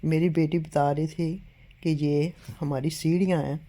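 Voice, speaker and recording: A woman's voice: sits low, fairly even intonation, dark tone. An older woman telling a story at home to a phone camera, earnest and a little weak from illness, often urging listeners to believe her. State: weak and unwell. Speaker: home vlogger.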